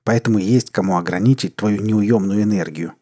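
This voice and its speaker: A man's voice: lowish voice, moderate pace, warm tone, close to an everyday voice. A man voicing a weary middle-aged king and stern, worried father in a read-aloud story. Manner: heavy, stern, bitter.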